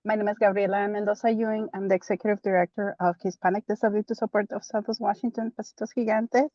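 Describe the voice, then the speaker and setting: A woman's voice: medium pitch, flat delivery, fast, warm tone, no echo, highs cut off. A woman who runs a nonprofit, calling into a meeting from a car speakerphone while driving, brief and apologetic. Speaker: nonprofit executive director. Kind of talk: introducing herself at a video-call meeting.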